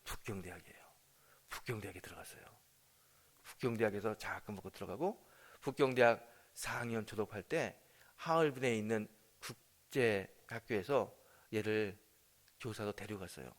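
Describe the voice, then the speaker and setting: A man's voice: lowish voice, normal speed. A man preaching as a senior pastor at an early morning service. He tells a family story, acts out the dialogue and turns to the congregation with questions. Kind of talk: sermon with storytelling.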